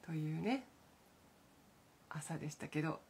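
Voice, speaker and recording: Husky low-voiced woman chatting idly. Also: lively intonation, unhurried. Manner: meandering, full of hesitations and soft self-amused asides. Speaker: pianist hosting a morning live stream. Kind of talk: casual rambling chat.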